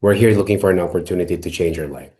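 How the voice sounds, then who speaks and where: A man from the Philippines, a guest telling his own story in a measured way. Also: deep voice, steady tone, darkish tone.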